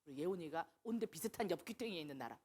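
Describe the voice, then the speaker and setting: A woman's voice: deep voice, expressive, very fast, a little mellow, husky. A woman missionary preaching a sermon, telling stories animatedly and acting out the dialogue she quotes.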